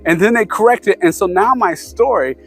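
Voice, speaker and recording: A man's voice: high-pitched, fairly quick, a bit bright, faint music behind. A man casually giving tips to camera, rambling with many fillers and restarts. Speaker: vlogger sharing language-learning tips.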